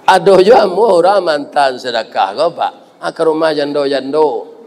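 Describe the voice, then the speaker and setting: A man with a Minangkabau accent preaching a sermon, telling a story with lively asides and jokes for the congregation. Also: fairly high pitch, moderate pace, long reverb tail. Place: mosque.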